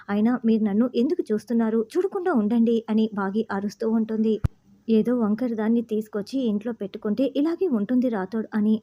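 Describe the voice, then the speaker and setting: A woman with a fairly high voice narrating a story at a steady pace. She delivers the quoted dialogue in her own voice without acting it out. The recording sounds slightly dull and lo-fi. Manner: even retelling, voicing quoted lines plainly in her own voice.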